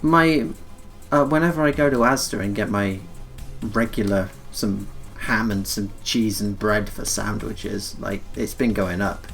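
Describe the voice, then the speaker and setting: Wry gravelly man in his forties. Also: on the low side, a little slow, fairly bright tone, soft background music. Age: 40s. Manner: wry, hesitant, rambling. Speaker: stream host. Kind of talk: casual chat.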